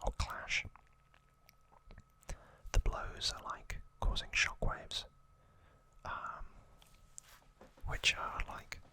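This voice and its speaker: The speaker is a man who hosts ASMR; he recaps in a soft, unhurried way, using short phrases and a breathy, unvoiced whisper.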